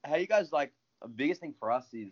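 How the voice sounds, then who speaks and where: A man chatting on a podcast, hesitant and halting. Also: a little high, animated, dull audio. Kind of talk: casual podcast chat.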